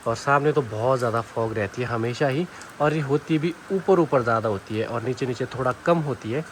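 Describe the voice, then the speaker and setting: Rain falls as a young man vlogs from the hills and a car, chatting in a relaxed, teasing way. He talks briskly at a medium pitch, and there's a little hiss or hum on the recording.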